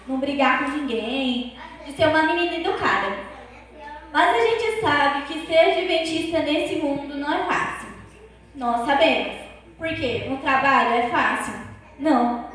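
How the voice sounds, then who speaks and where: A girl with a Brazilian accent preaches, her voice pitched very high. She tells her story in a lively way and keeps turning to the audience with questions. The room around her rings with heavy echo. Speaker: young preacher. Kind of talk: sermon with personal testimony. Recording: very echoey room.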